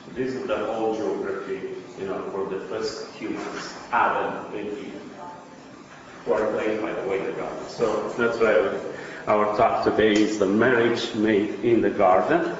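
A man with a Romanian accent gives an academic lecture, explaining things by posing questions and answering them himself. His voice is fairly low, fairly even and a little slow. He is recorded from a distance in a lecture hall with a crowd in the background, and the sound is echoey with long reverb, muffled and dull.

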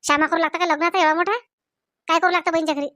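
A woman playing a nagging middle-aged mother-in-law in a comedy sketch, sharp and scolding, with a Varhadi Marathi accent. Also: very high voice, steady tone, rapid-fire, heavy background noise.

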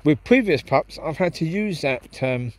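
Strolling through a park at night with his dogs, a vlogger delivers a casual, rambling, reflective monologue to the handheld camera. His voice is on the high side and animated, a little slow, with a darkish tone.

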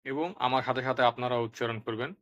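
A man teaching Italian vocabulary, saying each word twice, loudly and deliberately, so listeners can repeat after him. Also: medium pitch, fairly even intonation, dull audio. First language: Bengali.

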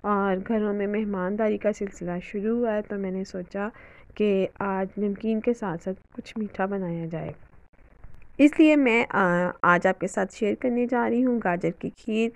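A woman's voice: medium pitch, a little slow, no echo, rough recording. A woman hosting a home cooking tutorial, talking in a chatty, homely way over the footage. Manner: chatty, homely, with religious greetings and fillers. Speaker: cooking channel host.

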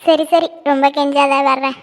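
A woman's voice: high voice, little pitch movement, moderate pace, natural voice. A woman voicing a cheerful young woman in a cartoon, the heroine's best friend, with a playful, teasing, nosy way of talking. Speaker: cartoon character. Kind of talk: cartoon voice acting.

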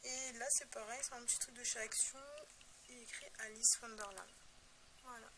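A woman's voice: a little high, steady tone, moderate pace, heavy background noise. A young woman casually showing her scrapbook album, talking in a rambling, hesitant way with many fillers and self-deprecating asides. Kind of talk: casual show-and-tell narration.

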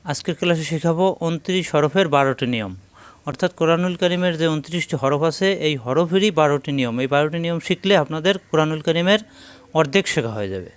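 A man teaching a Quran reading lesson, counting through the rules and slowly repeating each letter sound. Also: a little high, animated, smooth. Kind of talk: step-by-step recitation lesson.

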